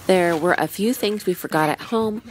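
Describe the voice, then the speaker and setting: A woman's voice: fairly low pitch, moderate pace, noisy background. A middle-aged woman, a mother, giving an upbeat scripted voice-over about a family trip. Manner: upbeat, explanatory. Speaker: mother and vlogger. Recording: voice-over with music underneath.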